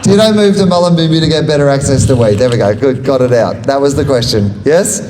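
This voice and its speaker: Talking fast in a darkish, medium-pitched voice, a comedian and author discusses his book at a live bookshop event and answers the audience's questions. With a handheld microphone in hand, he rambles, pokes fun at himself and laughs at his own lines.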